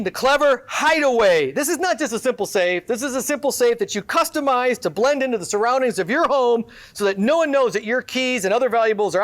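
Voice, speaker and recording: A man emceeing a live event, introducing student products one after another in an upbeat pitchman style with joking asides to the audience. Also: fairly bright tone.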